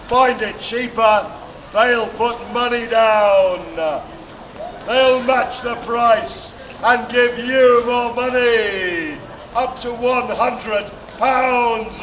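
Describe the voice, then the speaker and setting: A man proclaiming as a town crier in the manner of a royal herald, loud, declamatory and drawn out, recorded from a distance. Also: very high-pitched. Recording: distant mic, faint background noise.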